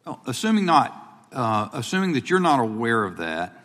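A man questions a witness in a deliberate, formal way, his voice sitting at an ordinary middle pitch. The audio is corrupted and glitchy, cutting in and out. A long reverb hangs over him from a large hearing room. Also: very animated, fairly bright tone. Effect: corrupted glitchy audio that cuts out.

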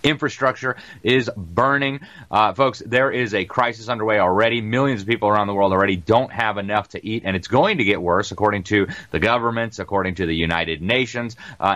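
A man hosting a talk show, delivering rapid, emphatic news commentary and ad reads with many "uh" fillers, calling his listeners "folks.". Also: lowish voice, a bit bright, no room sound, highs cut off. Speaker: show host. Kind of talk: fast-talking news commentary and ad read.

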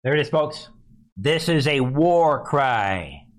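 With a medium-pitched, animated voice, a live political commentary host takes his time, mocking and scornful, stressing points by repeating phrases. There's slight background noise.

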